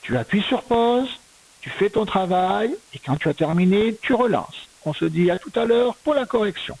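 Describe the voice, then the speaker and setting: In a roughly recorded reading and spelling lesson, a woman who teaches primary school sounds out words for a young child one syllable at a time. Her medium-pitched, slightly mellow voice has lively intonation, and her dictation stays slow, patient, and step by step.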